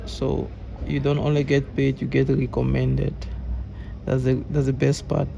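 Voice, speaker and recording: A man with a Cameroonian accent, a repair technician talking calmly as he works, often restarting his sentences. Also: mid-range voice, a little slow, vocal fry, noisy background. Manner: calm, explaining as he works, with frequent restarts. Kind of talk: casual workshop vlog talk.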